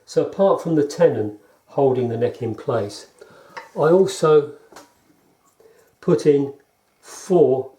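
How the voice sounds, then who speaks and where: A man, a guitar maker, explaining his work in a halting, measured, informal way while demonstrating in a workshop. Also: medium pitch, mellow. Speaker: guitar maker presenting own build. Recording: roomy, echoing workshop sound.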